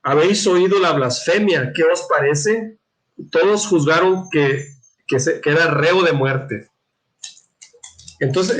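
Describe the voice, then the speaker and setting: Guy teaching a bible class, kinda high voice, stops and repeats a lot, keeps clearing his throat. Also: poor audio. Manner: halting, repeats words, frequent throat clearing, asks "¿verdad?". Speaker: catechism teacher. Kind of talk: Bible class lecture, reading and explaining.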